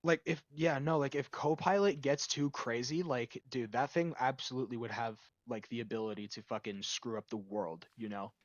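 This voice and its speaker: A man's voice: medium pitch, normal speed, hardly any pauses, no echo, highs cut off. Ranting young guy, dry close mic. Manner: rambling, profane, bursts of loud ranting. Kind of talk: casual chat.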